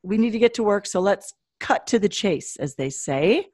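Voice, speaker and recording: A woman's voice: mid-range voice, animated, normal speed, darkish tone, no echo, clean studio sound. A middle-aged woman with a Michigan accent, chatting casually as a podcast co-host. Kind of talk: casual scripted-topic podcast chat.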